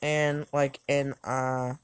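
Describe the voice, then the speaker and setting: Low-voiced rambling woman reviewing a game. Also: flat delivery, drawn-out words, clear, resonant tone. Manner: rambling, hesitant, often restarts and corrects herself; talks loudly over game music at times. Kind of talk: gameplay commentary.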